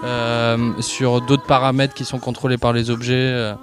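A man's voice: mid-range voice, little pitch movement, moderate pace, faint music behind. A young man from southern France, a guest musician, answering live radio questions at an outdoor festival, hesitant with many fillers and easy laughs.

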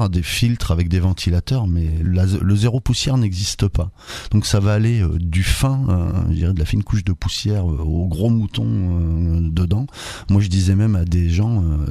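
Deep gravelly man. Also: no room sound, clean studio sound. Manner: relaxed, explanatory, with fillers. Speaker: studio guest, university vice-president. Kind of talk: radio interview.

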